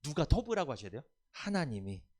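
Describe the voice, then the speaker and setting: A man's voice: a little high, big pitch swings, fairly quick, darkish tone. A man preaching a sermon as pastor at a church service, emphatic and quizzing the congregation with questions for them to answer.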